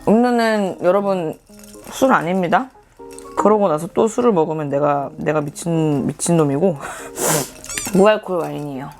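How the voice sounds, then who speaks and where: A woman's voice: fairly low pitch, normal speed. Playful casual woman vlogger over music. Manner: playful, self-mocking asides. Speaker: mukbang vlogger. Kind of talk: casual chat to viewers while eating. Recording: background music under the voice.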